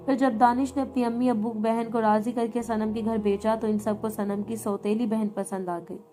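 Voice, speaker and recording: A woman narrating an emotional love story in a soft storytelling manner, speaking the lovers' lines herself. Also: on the high side, little pitch movement, moderate pace.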